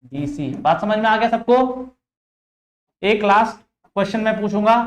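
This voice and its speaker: A man's voice: high voice, normal speed. Indian guy teaching online class, keeps asking students, roomy echo. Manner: interactive, repeats "ठीक है" and "देखिएगा", drills students with questions. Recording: echoey room.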